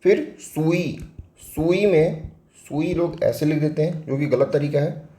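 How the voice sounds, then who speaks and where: A man's voice: on the high side, takes it slowly, mellow. Man teaching spelling in a roomy echo. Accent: Hindi. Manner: explains step by step, asks and answers own questions. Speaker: exam-prep teacher. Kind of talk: spelling lesson for exam prep.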